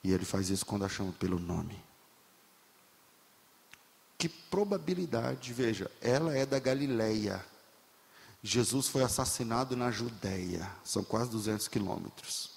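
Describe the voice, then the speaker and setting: A man preaching a sermon as pastor, swinging from quiet, low passages to impassioned shouting. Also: expressive, measured pace, gravelly, long pauses, big-room sound. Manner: builds to impassioned shouting, then drops low.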